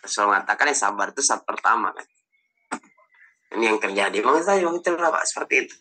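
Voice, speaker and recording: A man's voice: on the low side, expressive, quick pace, bright, forceful tone, slight background noise. A man, preaching informally in an online study session with jokes and trailing restarts. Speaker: Islamic preacher.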